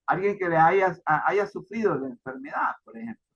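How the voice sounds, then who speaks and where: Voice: mid-range voice, lively intonation, moderate pace, gravelly, fairly bright tone, husky. Repetitive class moderator on a lo-fi call. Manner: repetitive, encouraging, many fillers. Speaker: teacher leading an online class. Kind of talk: moderating an online class discussion. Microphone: video call.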